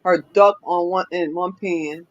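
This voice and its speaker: A woman chatting casually among friends, telling animated stories and acting out quoted dialogue. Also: on the low side, unhurried, no room sound, muffled recording. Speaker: friend in group chat. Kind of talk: casual storytelling chat.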